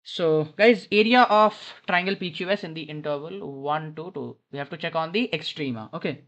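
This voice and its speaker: A man's voice: on the high side, normal speed, a bit bright. A man tutoring maths informally on a headphone mic in an airport lounge, thinking aloud and often correcting himself as he works through a problem. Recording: dull lo-fi headset sound.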